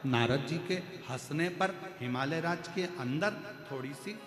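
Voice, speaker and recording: A man's voice: on the high side, slow. A man telling a devotional story sermon, emphatic, stacking repeated words and titles. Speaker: religious storyteller. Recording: echoey hall with faint music.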